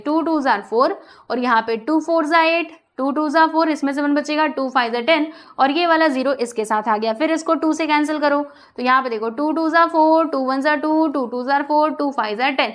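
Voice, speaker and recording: Young woman, high-pitched voice, math teacher, chatty and coaxing, quizzes her students. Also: a little fast. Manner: mixes English terms into explanations. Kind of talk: online math lesson.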